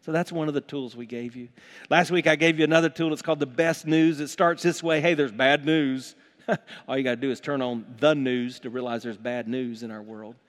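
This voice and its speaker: A middle-aged pastor preaching a sermon in a church, his voice swelling from quiet to loud. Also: medium pitch, steady tone, a little fast. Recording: long hall reverb.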